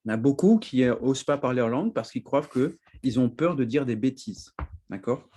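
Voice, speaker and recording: A man preaching a teaching sermon, animated and lively, often laughing and checking in with his listeners. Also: mid-range voice, brisk, breathy edge.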